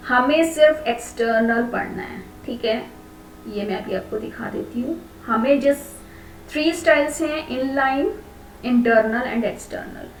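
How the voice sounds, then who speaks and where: Woman teacher going over a lesson, kinda high voice, mixes in english, keeps checking students follow. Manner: explanatory, mixes Hindi with English phrases, often checks with "ठीक है". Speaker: computer teacher. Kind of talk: classroom lesson explaining CSS. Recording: echoey room, voice from a distance, faint hum.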